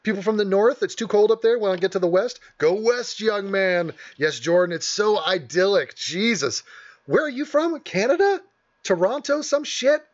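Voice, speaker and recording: A man doing sarcastic, profane commentary over video clips as host, mocking and animated. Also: sits high, moderate pace, dull audio.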